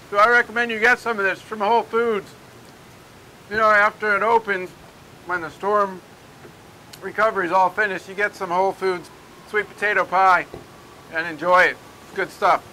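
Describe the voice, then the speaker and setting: A man's voice: sits high, steady tone, normal speed, pauses often, bright, forceful tone, rough recording. A man giving a loose, ad-libbed live weather report from outdoors on a city street. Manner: loose, rambling, ad-libbed delivery. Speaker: amateur storm reporter. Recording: windy outdoor mic noise. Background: gusting wind.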